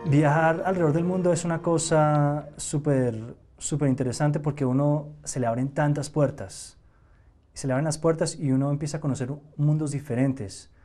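A man's voice: on the high side, fairly even intonation, moderate pace, mellow, faint music behind. A young man from Nicaragua giving casual, reflective interview answers on a TV studio set. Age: young adult. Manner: casual, reflective, with fillers and restarts. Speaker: mentalist interviewee.

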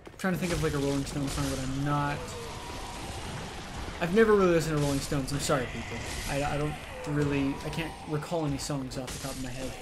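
A man's voice: a little high, steady tone, fast, noisy background. A man bantering and joking casually while watching a video game being played. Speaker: let's play co-host. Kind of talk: casual gaming chat.

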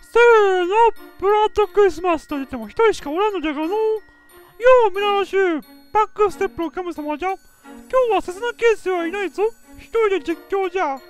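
Very high-voiced woman in old-fashioned dialect. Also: fairly quick, soft background music. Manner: talks in old-fashioned elderly dialect, playful and boastful. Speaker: game commentator. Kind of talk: casual let's play commentary.

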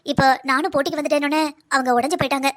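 A woman's voice: sits high, steady tone, rapid-fire, lightly acted. A young woman voicing a patient, hurt pregnant wife in a cartoon drama, speaking earnestly. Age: young adult. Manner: soft, earnest pleading.

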